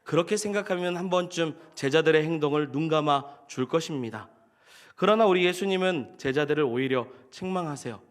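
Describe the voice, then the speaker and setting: A man's voice: a little high, fairly quick. A male pastor preaching a sermon, often asking the congregation questions and acting out what people might have said. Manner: asks the congregation questions, acts out quoted speech.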